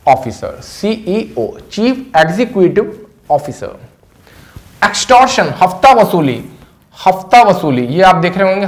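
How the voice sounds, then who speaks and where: A man teaching English words in a casual, repetitive lesson, asking the listener back and repeating each term. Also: on the high side. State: recently unwell.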